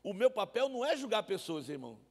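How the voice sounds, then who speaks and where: A man's voice: sits high, very animated, quick pace, breathy edge. A man preaching a sermon in church, telling stories and calling his listeners brothers. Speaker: pastor. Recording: reverberant church hall.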